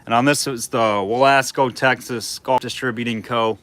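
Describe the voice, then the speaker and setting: A man hosting a live online auction, chatting casually with viewers between quick bid calls. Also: medium pitch, steady tone, fairly bright tone. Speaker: livestream auctioneer.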